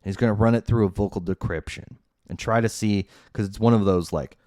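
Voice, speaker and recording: Brief: male podcast host, lowish pitch, sarcastic and rambling, dry studio sound. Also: fairly quick, warm tone, no echo. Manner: sarcastic, chatty, many fillers. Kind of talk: casual movie recap.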